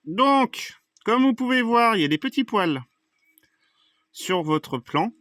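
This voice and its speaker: A man's voice: very high voice, lively intonation, slow pace, fairly bright tone, no echo. Chatty man in a greenhouse, dry sound. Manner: chatty, loose, many fillers and apologies. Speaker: gardening vlogger. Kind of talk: casual gardening tutorial.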